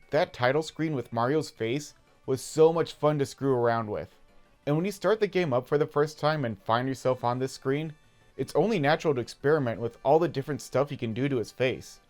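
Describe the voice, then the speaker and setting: Casting: conversational American male storyteller, 30s, medium pitch, nostalgic gaming narration over light background music. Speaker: video game YouTuber. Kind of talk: casual personal storytelling voice-over.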